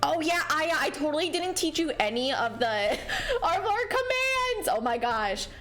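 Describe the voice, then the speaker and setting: A woman's voice: high-pitched, measured pace. A woman livestreaming a game, chatting casually in a cute, bubbly, giggly and apologetic way. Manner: bubbly, cute, excitable streamer greetings and exclamations. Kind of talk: casual livestream chat while gaming. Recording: music behind the voice. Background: music.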